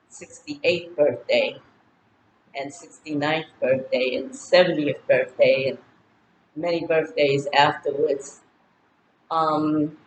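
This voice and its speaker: At home in Ghana, a vlogger in her sixties gives a casual birthday monologue to camera in a low-pitched voice. She's chatty and rambling, running through a list of goals with many fillers. The recording has a roomy echo, faint ambience, and a little hiss or hum.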